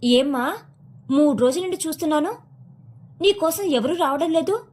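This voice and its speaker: A woman's voice: high voice, lively intonation, moderate pace, a little hiss or hum, pitched above the performer's own voice. A woman doing a kindly older nurse. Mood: caring. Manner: gentle, reassuring.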